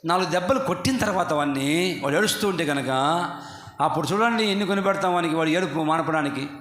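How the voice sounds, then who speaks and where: A man's voice: on the high side, fast, fairly bright tone. A man preaching a sermon as pastor to his congregation, impassioned and drawing out his emphatic phrases while addressing the listeners directly and politely. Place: church hall with a gathered congregation. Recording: echoey hall with long reverb.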